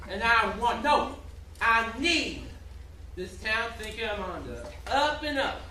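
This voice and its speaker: A scheming western town boss scolds his underlings theatrically. His voice is very sharp and high, heard in an echoey theater. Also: exaggerated voice. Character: bossy, scheming Wild West town boss villain. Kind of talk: stage play acting. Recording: echoey theater, distant mic, faint noise.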